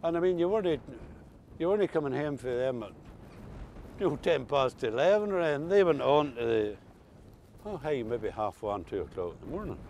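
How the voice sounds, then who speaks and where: Here the old countryman with the Ulster Scots accent sounds expressive and fairly quick, his medium-pitched voice a little mellow against slight background noise. He's chatting casually as an interviewee, sharing folksy, dialect-filled memories of country life.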